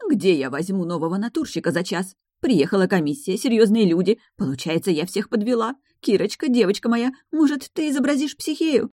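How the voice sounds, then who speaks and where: A woman's voice: medium pitch, lively intonation, brisk, hardly any pauses, mellow, no echo, studio quality, voice pushed up, lightly acted. A woman reading an audiobook, voicing a flustered, coquettish older female manager in a raised, gushing voice. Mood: flustered pleading.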